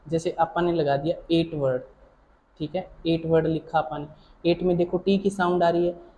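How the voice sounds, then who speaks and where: Mellow-voiced patient male shorthand teacher. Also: fairly high pitch, a little hiss or hum, poor audio. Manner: patient, repetitive, checks in with "theek hai na"; addresses students fondly as child or dear. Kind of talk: explaining a lesson.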